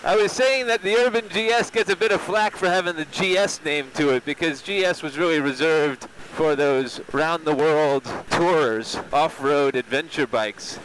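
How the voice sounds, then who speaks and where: A man's voice: fairly high pitch, a bit bright, poor audio. A man giving a casual, enthusiastic motorcycle review as he rides, speaking up from inside his helmet. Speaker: motorcycle reviewer and vlog host. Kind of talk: casual motovlog commentary while riding. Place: outdoors, riding a motorcycle. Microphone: microphone inside a helmet. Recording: helmet mic with engine and wind noise.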